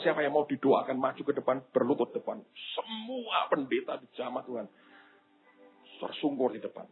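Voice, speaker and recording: A man's voice: a little high, breathy edge. A man preaching a sermon in with a touch, telling a story and acting out the people he quotes. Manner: storytelling, acts out the people he quotes, addresses the congregation as "saudara". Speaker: pastor. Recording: tinny phone-like sound.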